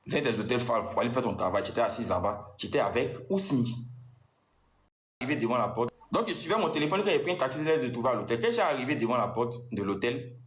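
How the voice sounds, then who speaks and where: A man's voice: mid-range voice, lively intonation, fast talker, echoey room. A man with an Ivorian French accent gives a heated, accusing account aimed at his ex, often repeating himself. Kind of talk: heated personal account addressed to an ex.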